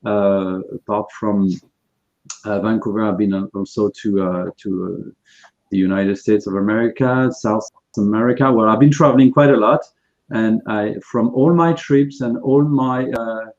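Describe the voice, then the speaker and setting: A man's voice: on the low side, steady tone, normal speed, a little mellow. French-accented man on muffled audio. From France. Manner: hesitant, many fillers and restarts. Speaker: international relations director. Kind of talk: webinar panel talk.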